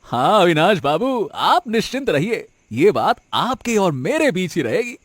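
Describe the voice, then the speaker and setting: A man's voice: sits high, sing-song, unhurried, dry recording, exaggerated voice. A man playing a fawning greedy sidekick. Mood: sycophantic. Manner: fawning, laughs along. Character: greedy accomplice of the headman.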